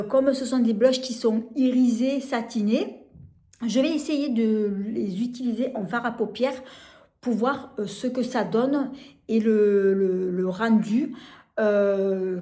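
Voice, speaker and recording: A French woman showing makeup on camera, gushing about each product and filling pauses with hesitations and repeated words. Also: fairly high pitch, dark tone. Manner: gushing, enthusiastic over products. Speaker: beauty vlogger. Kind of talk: casual product demo. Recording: echoey room.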